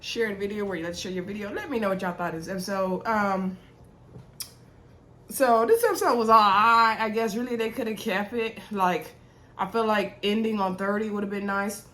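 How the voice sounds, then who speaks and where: With a sore throat and congestion, a young woman chats casually to her viewers while recapping a reality TV episode, using lots of ums and y'alls. She speaks at normal speed in a mid-range, fairly bright voice.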